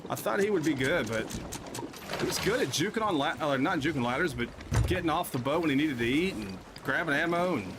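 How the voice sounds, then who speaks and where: A man's voice: fairly high pitch, animated, fairly quick, noisy background. A man streaming a game live, talking casually with viewers, rambling and often restarting his sentences, with hiccups. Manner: rambling, self-correcting, chatty with viewers.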